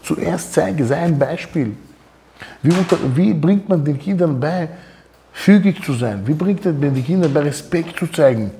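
A man's voice: a little high, measured pace, vocal fry, a little hiss or hum. A man giving an informal Torah talk, telling personal stories and acting out the dialogue in them. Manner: animated, acts out quoted dialogue. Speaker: Torah teacher.

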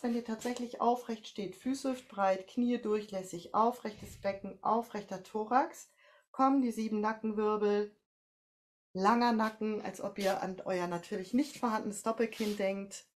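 In a breathing and posture exercise, a woman coaches in a calm, unhurried manner, walking through each step. She is a voice coach with a German accent and a mid-range voice.

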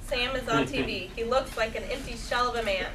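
A woman with a slightly high voice reads stage directions a little fast during a table read, seated on a small theatre stage before an audience. A far-off camera captures it, so crowd noise fills the noisy recording.

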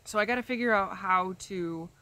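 This fifty-something vlogger has a bright, forceful mid-range voice and speaks at normal speed. Sitting in a backyard chair among greenery, she chats to a front-facing camera framing her head and shoulders, rambling and restarting with plenty of ums.

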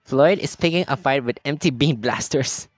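A man's voice: mid-range voice, moderate pace, no room sound. A man streaming a story game, chatting through the playthrough, reacting aloud and laughing often. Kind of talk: casual game playthrough commentary.

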